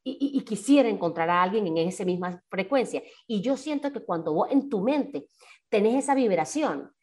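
A woman's voice: medium pitch, animated, moderate pace, a little mellow. A woman, a podcast guest telling her story in casual conversation and acting out her own past words.

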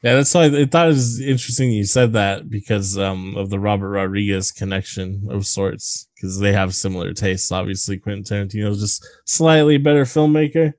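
A man's voice: on the low side, moderate pace, hardly any pauses, a little mellow, dry recording. A man co-hosting a casual movie podcast, crude and joking, rambling with fillers. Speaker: podcast co-host.

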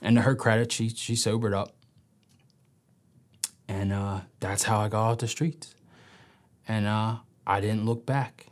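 A man's voice: on the low side, steady tone, measured pace, long pauses. A man speaking in an interview, telling his own story candidly. He sometimes drops to a near whisper and acts out quoted voices with animation. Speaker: interview guest. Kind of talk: personal storytelling.

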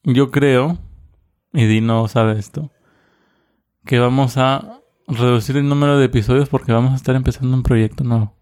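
Relaxed joking male podcast host. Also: medium pitch, normal speed. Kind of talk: casual chat.

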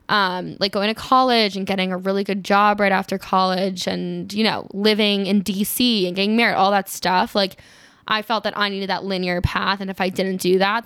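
A woman's voice: medium pitch, vocal fry, a bit bright, no echo. A woman in her twenties from Maryland, rambling through her life story in a casual chat, full of fillers and restarts. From Maryland, USA. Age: 20s. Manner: rambling, many fillers and restarts, laughs easily.

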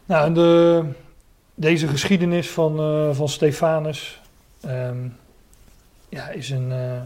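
Hesitant, mellow-voiced Dutch-speaking preacher. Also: male voice, a little high, flat delivery, slow. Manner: reads scripture aloud, then explains with many hesitations. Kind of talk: Bible teaching sermon.

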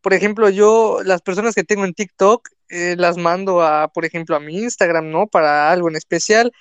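A young content creator from Mexico rambles casually on a live stream in a Mexican Spanish accent, full of fillers and restarts. His high voice is smooth, with fairly even intonation and a normal speed, and there's no echo.

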